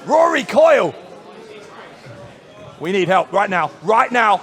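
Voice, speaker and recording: A male wrestling commentator calls the action like a fight announcer, dramatic and frantic. His high, gravelly voice often rises to a shout, with loud crowd noise and music around him. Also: sing-song, takes it slowly. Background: arena crowd, music.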